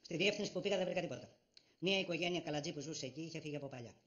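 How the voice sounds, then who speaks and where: A man's voice: a little high, fairly bright tone, lightly acted. A man playing a discreet, dutiful assistant. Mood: reporting. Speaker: investigator reporting back. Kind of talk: TV comedy series acting. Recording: dull lo-fi TV audio with faint music.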